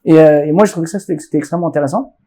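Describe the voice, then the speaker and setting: A man from France telling stories as a podcast guest in a casual, animated way, often restarting phrases and acting out dialogue. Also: a little high, rapid-fire. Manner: animated, many restarts, acts out quoted dialogue. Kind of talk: casual conversational storytelling.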